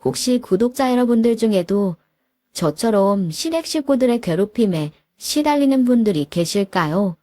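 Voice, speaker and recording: A woman in her forties calmly telling her own story as a scripted first-person narration. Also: medium pitch, dry recording, clean studio sound. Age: 40s.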